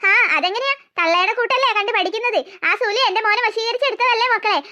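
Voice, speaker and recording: A woman's voice: very high-pitched, quick pace, pushed and bright. A woman voicing a greedy, spiteful old grandmother in a cartoon, gossiping and scheming over family money.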